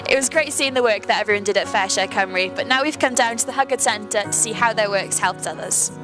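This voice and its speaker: A woman's voice: medium pitch, quick pace, music in the background. A woman reporting and interviewing for a magazine show. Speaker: reporter and presenter.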